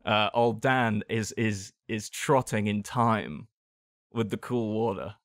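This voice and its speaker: A man co-hosting a podcast, chatting casually about a film, rambling and dropping his voice low on asides. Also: takes it slowly, no echo, studio quality. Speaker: podcast co-host.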